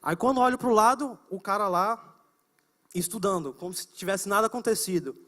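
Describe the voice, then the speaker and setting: A young man preaching to a youth service, telling a story with lively, acted-out voices. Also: high voice, brisk. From United States. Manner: animated storytelling, acting out shouting and whispered prayers.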